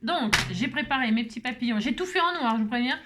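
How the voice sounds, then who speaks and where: A woman's voice: sits high, animated, quick pace, background noise. A woman hosting a crafting video at her home table, rambling chattily and tossing frequent asides to her viewers. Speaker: crafting channel host. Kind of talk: casual crafting chat to viewers. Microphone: camera set up on the table.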